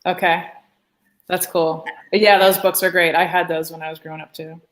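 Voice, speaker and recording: Chatty low-voiced woman hosting an art class. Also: flat delivery, moderate pace, poor audio. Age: adult. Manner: chatty, rambling, with filler words. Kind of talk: casual live-stream art lesson chat. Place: art studio room.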